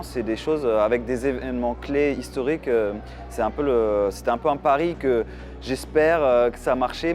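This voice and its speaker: A man's voice: mid-range voice, a little mellow. A man in his thirties from Germany, an animation film director giving a festival interview, hesitant with many fillers and restarts.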